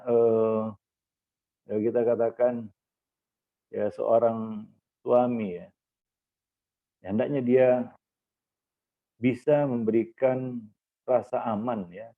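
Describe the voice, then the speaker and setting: Gravelly-voiced man preaching over a tinny line. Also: mid-range voice, fairly even intonation, takes it slowly, pauses often. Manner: homely, teasing asides with laughs and fillers. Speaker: ustaz giving a parenting talk. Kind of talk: Islamic study talk to fathers. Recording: lo-fi phone-like recording.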